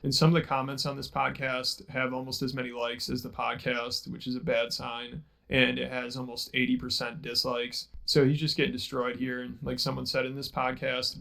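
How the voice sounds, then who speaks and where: A man's voice: medium pitch, monotone, a little fast, vocal fry, hardly any pauses, a bit bright, low-quality recording. A man hosting a commentary channel, narrating matter-of-factly and summing up viewer comments. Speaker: channel host. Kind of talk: scripted video narration.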